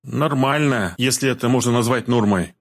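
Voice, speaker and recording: A man's voice: medium pitch, lively intonation, normal speed, husky, pitched above the performer's own voice. A man voicing a frightened, wounded young male patient who speaks timidly and anxiously. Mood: sad.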